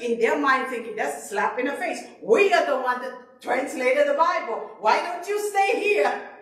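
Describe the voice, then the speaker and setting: Woman preacher from Tonga, middle-aged, high voice, emphatic sermon, handheld mic, echoey hall. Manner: animated, emphatic, repeats phrases. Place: church sanctuary. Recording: echoey hall, far from the camera.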